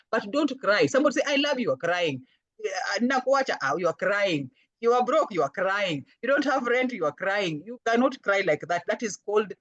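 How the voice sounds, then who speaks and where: Animated Kenyan woman counselor. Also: mid-range voice, dry recording. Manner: animated, acts out little voices when quoting people. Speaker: guest speaker, counselor. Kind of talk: lecture-style talk.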